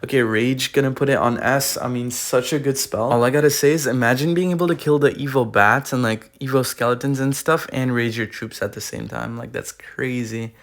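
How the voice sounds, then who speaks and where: Young guy rambling thru a game card tier list, slangy, like bro, voice kinda going hoarse, tablet mic. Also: medium pitch, fairly even intonation, fairly quick, few pauses. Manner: rambling, slangy, filler-heavy. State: losing his voice. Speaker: gaming YouTuber. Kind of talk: casual tier-list commentary. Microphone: iPad recording.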